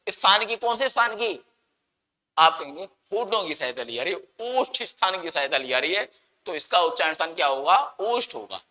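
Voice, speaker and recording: A man's voice: a little high, big pitch swings, a little fast, sharp tone, big-room sound. A man teaching a grammar lesson, asking the class questions and answering them himself, and coaxing students to say sounds aloud.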